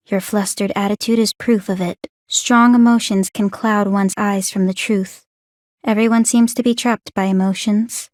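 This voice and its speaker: In clean studio sound with no room echo, a woman voices an aloof, bookish young warrior maiden for an English-language video game. Her medium-pitched, darkish voice is lightly acted, composed, formal, precise and detached, with a cool, curious mood.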